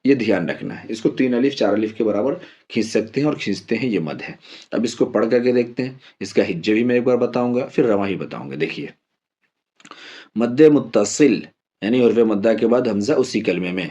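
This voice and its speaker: A man's voice: on the low side, animated, a little mellow. Patient man teaching Quran reading. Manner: patient, spells out letters slowly and repeats drills. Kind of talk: step-by-step Quran lesson.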